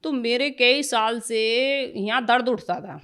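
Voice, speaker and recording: A woman's voice: on the high side, a little slow, a bit bright. A woman giving an earnest, emotional personal testimony in plain colloquial speech.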